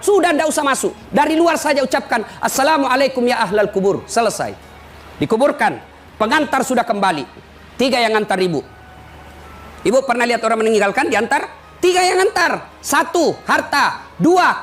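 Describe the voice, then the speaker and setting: A man giving a humorous sermon, telling jokes and stories in an animated way. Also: very high-pitched. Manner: animated, joking storyteller. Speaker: preacher.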